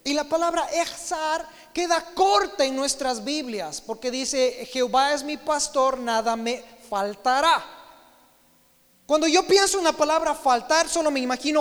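A man preaching as pastor, emphatic, slowly stretching out the key words of his sermon. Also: extremely high pitch, fairly bright tone. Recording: long hall reverb.

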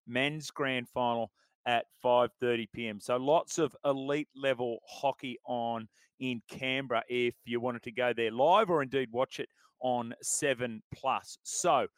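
A man's voice: mid-range voice, fairly even intonation, unhurried, smooth, no echo. A man with an Australian accent presenting sports radio in an easygoing, matey, conversational way.

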